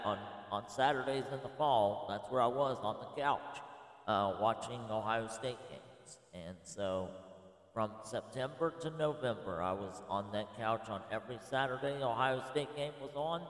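A man in his thirties giving a casual, rambling spoken presentation with many filler pauses. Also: fairly low pitch. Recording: echoey room with long reverb.

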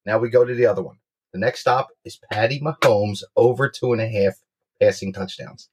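A man co-hosting a sports betting show, pitching picks in brash, slangy, sweary bro talk. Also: brisk, a little hiss or hum.

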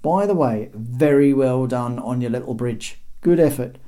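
A man voicing a cheeky male lookout who loudly mocks invaders from a city wall in a storybook reading. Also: mid-range voice, measured pace, pitched above the performer's own voice, close to an everyday voice. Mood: mocking. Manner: loud, jeering, cockney-style banter.

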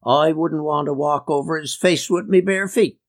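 A man voicing a boisterous, teasing old outport man, who booms out tall tales. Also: normal speed, natural voice. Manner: booming, teasing, tall-tale telling. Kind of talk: reading a memoir aloud.

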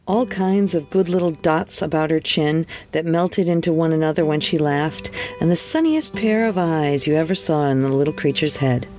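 A podcast host reading a classic holiday story aloud, measured and expressive with wry asides. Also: medium pitch, faint music behind. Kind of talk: storybook narration.

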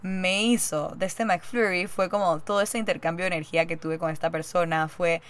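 A young woman hosting a podcast, telling a story in a chatty, animated way and acting out the lines she quotes. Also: lowish voice, moderate pace. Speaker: podcast host. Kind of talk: casual storytelling monologue.

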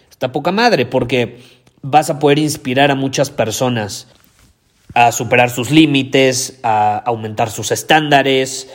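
A man hosting a podcast, delivering a motivational monologue at a mid-range pitch. He speaks emphatically, drives points home by repeating phrases and drops casual swear words. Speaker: podcast host.

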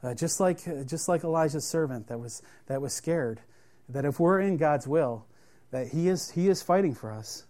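A male preacher giving a sermon in a plain, conversational voice. He reads the scripture passages aloud, then explains them with lots of pauses, fillers and restarts. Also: a little high, expressive, darkish tone. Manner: plain-spoken, halting, many fillers and restarts.

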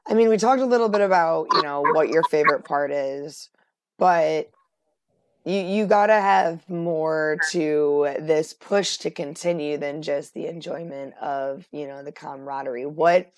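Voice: medium pitch, a little slow, dry recording. Podcast host asking rambling questions. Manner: friendly, rambling questions with "you know". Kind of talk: casual interview questions.

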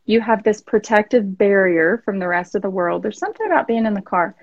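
A woman in her thirties, a podcast guest, talking slowly and reflectively, often repeating herself in casual chat. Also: medium pitch, animated, husky, no room sound, muffled recording.

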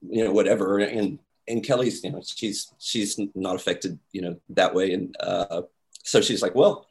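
A man telling a story in casual talk, animated, acting out quotes with many fillers. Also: low-pitched, moderate pace.

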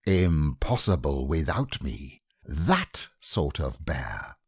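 A man voicing a slow, humble, simple-minded male bear who speaks in a mild, earnest way in an audiobook reading. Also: extremely low pitch, big pitch swings, breathy edge, no room sound, clean studio sound, voice pushed down, heavily acted.

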